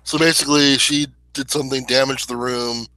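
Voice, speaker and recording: A man's voice: medium pitch, fairly even intonation, fairly quick, bright, forceful tone, no room sound, poor audio. A man talking casually as a player in a tabletop game.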